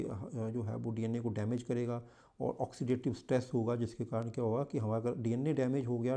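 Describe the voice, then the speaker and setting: A man's voice: mid-range voice, vocal fry, warm tone. A man with an Indian accent teaching an exam-prep lecture, mixing English terms into his talk and often repeating and correcting himself. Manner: mixes English into Hindi, repeats and self-corrects.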